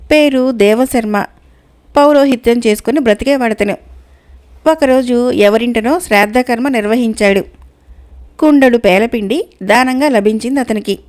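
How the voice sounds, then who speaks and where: A woman storyteller giving lively, expressive storybook narration. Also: fairly high pitch.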